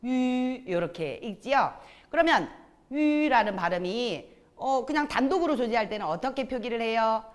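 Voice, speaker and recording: A woman's voice: on the high side, expressive, normal speed. A woman teaching a pronunciation lesson, calling out sounds and cues for students to repeat. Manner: calls out drills with cues to repeat. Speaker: Chinese language teacher.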